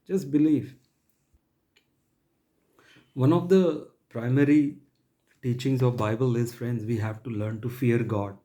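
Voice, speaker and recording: Earnest mellow-voiced male preacher. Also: medium pitch, fairly even intonation. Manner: earnest, emotional preaching with pauses and restarts. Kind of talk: online sermon.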